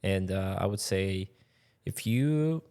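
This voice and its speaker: A man with a Russian accent hosts a relaxed interview, his voice sitting deep and low. He thinks aloud, pausing on fillers as he gathers his words. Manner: musing, halting phrasing with frequent fillers. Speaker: podcast host. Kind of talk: casual interview chat.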